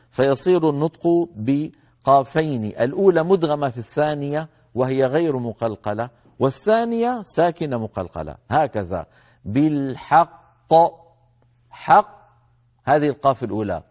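A man teaching Quran recitation rules, explaining carefully and slowly stretching out words to demonstrate their pronunciation. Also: mid-range voice, a little mellow. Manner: addresses listeners as brothers. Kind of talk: tajweed lesson with recited examples.

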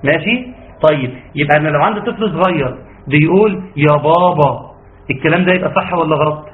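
A man with an Egyptian Arabic accent who teaches Quran recitation in an online class. He stretches out his fillers and slowly demonstrates each sound. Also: fairly high pitch, a little hiss or hum. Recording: tinny phone-like line, faint ambience.

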